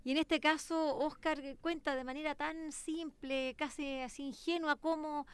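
A woman's voice: sits high, fairly even intonation, unhurried, no echo. A woman, a journalist interviewing a poet, hesitant with many fillers but enthusiastic. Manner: hesitant, full of "eh" fillers and restarts, warmly enthusiastic. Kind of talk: cultural interview.

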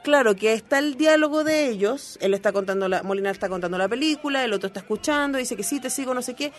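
A speaker in casual literary discussion, explaining a book's experimental passages at a measured pace. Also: medium pitch, lively intonation. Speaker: book club discussant.

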